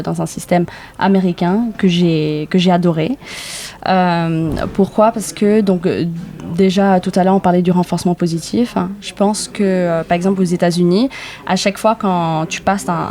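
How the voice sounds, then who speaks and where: A young woman from Vietnam speaks as a guest in a relaxed interview. Her voice sits a little low and sounds mellow and warm. She talks hesitantly, with frequent fillers as she searches for her words. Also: normal speed. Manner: hesitant, many fillers, thinks aloud. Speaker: guest, author. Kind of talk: casual interview conversation.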